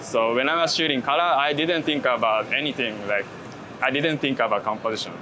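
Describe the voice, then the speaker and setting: Out on a city street with traffic clearly heard, a man of ordinary mid-range pitch discusses his photography in a casual interview while walking. Speaking English as a second language, he hesitates, stops and starts over often, filling gaps with fillers.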